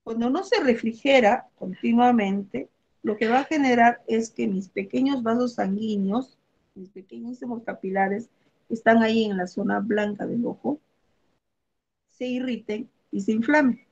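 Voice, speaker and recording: A woman explains biology in an online review class, leaning on everyday examples. Her voice has a gravelly fry to it, and the recording sounds dull and lo-fi. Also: fairly high pitch, moderate pace, darkish tone. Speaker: biology teacher.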